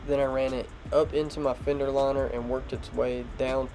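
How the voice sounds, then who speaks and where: A young automotive vlogger, nose clearly stuffed up, gives an easygoing voiceover about his truck project in a home garage video. He speaks in a mid-range voice at a moderate pace, using fillers, with music behind him.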